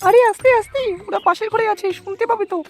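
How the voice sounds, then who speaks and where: A woman voicing a scolding, sharp-tongued old mother-in-law in a cartoon. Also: very high-pitched, fairly even intonation, fast, faint music behind. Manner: scolding, nagging.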